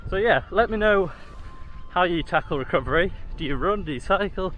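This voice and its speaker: A man's voice: sits high, animated, a little fast, fairly bright tone, a little hiss or hum, poor audio. A man chatting casually to his viewers while he jogs outdoors. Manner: talking while jogging. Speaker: running vlogger. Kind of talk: casual vlog talk to viewers. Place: outdoors, on a run.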